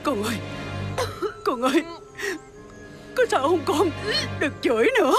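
A woman's voice: expressive, measured pace, over music. A woman with a Southern Vietnamese accent playing a cruel, hot-tempered stepmother who dotes on her own daughter, in a TV fairy-tale drama. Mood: pleading. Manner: shrill scolding, wailing over her daughter.

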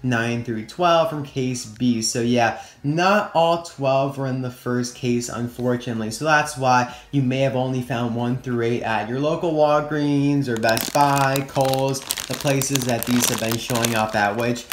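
A man's voice: medium pitch, steady tone, a little slow, few pauses. A young American man chatting to viewers in a casual toy review, his speech slightly distorted after having his wisdom teeth out. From United States. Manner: chatty, addresses viewers as guys. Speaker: toy collector and review host. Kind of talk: casual scripted-free product review to camera. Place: indoor room at a tabletop. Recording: roomy echo, faint hiss and crinkling. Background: crinkling plastic packaging, clicks.

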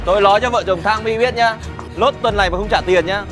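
An actor playing a curt, bossy debt collector seizing a family's things in a comedy sketch. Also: male voice, high-pitched, fast talker, over music, natural voice. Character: gruff male debt collector. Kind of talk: slapstick comedy sketch acting.

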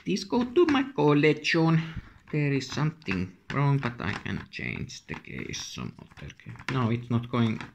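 A man with a Finnish accent speaks halting, non-native English in short, muttered remarks, as casual unscripted commentary on an unboxing. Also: medium pitch, wildly swooping pitch, creaky. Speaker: video game collector presenting an unboxing. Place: indoors at a wooden table. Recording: noisy room with handling clicks.

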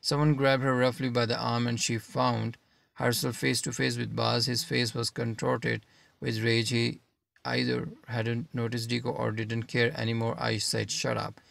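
Gravelly male audiobook narrator. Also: mid-range voice, flat delivery, normal speed, fairly bright tone.

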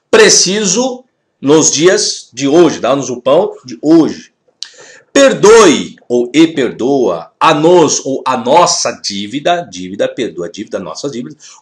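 A man with a Brazilian Portuguese accent teaching a theology video lesson. He reads Aramaic words slowly and carefully, explains them, and checks in with his viewers, whom he formally calls "senhores". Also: a little high.

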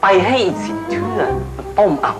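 A woman's voice: normal speed, lightly acted. A woman voicing a blunt, exasperated male creditor who mocks and scolds. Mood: scornful. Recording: loud music behind.

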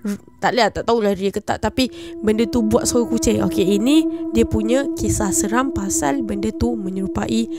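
A woman's voice: mid-range voice, normal speed. A young woman with a Malaysian accent, chatting casually as she reacts to scary videos and explains them to viewers. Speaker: reaction vlogger. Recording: music playing behind.

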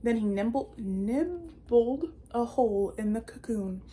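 In a room with bookshelves, a story-time reader in her twenties performs a children's picture book playfully and theatrically. Her fairly high voice is animated but dark in tone and slightly rough, and she reads a little slowly.

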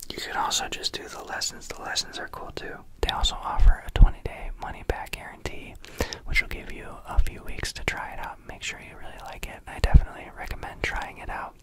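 A man in his thirties reads an ad in a casual, playful ASMR whisper, close to the microphone. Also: brisk. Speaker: sponsored ad reader. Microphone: close studio microphone on a desk.

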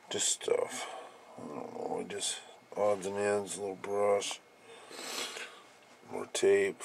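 Slow low-voiced man touring his trailer. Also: a little mellow. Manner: rambling, plain-spoken, lists his gear, swears when frustrated. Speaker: welder showing his trailer. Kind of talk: casual walkthrough vlog. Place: outdoors in a cold enclosed work trailer. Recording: noisy handheld camera audio.

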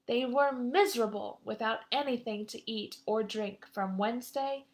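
A woman's voice: on the high side, moderate pace. A woman reading a story aloud live for children, breaking off for chatty asides to her young listeners.

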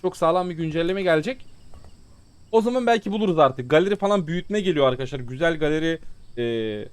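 A man's voice: fairly high pitch, animated, fast, clear, resonant tone. A man giving casual let's-play commentary, talking to his viewers and growing exasperated with the game. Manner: exasperated, chatty, talks to viewers. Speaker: gaming YouTuber.

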